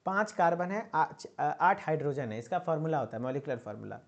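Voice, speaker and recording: A man's voice: a little high, fast talker, gravelly, dull audio. A man giving an online lecture to pharmacy students, repeating points and checking in with a coaxing "okay?". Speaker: pharmacy teacher. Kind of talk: online exam-prep lecture.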